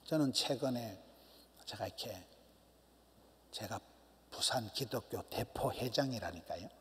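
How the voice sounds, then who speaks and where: A middle-aged man, a pastor, preaching a sermon emphatically, swinging from loud cries to hushed near-whispers. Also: lowish voice, animated, a little slow. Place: church sanctuary. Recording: long church hall reverb.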